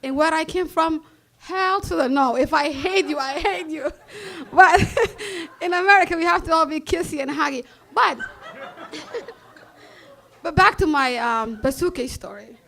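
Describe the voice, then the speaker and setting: A woman from Somalia with a Somali accent, telling a personal story on stage in a blunt, animated way and laughing often between lines. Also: sits high.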